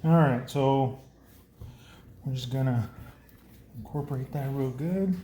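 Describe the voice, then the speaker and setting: A man's voice: mid-range voice, takes it slowly, dark tone. A man hosting a casual home cooking demo, rambling and correcting his own slips with a chuckle. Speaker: home cooking show host. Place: home kitchen. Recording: echoey kitchen, clear background noise.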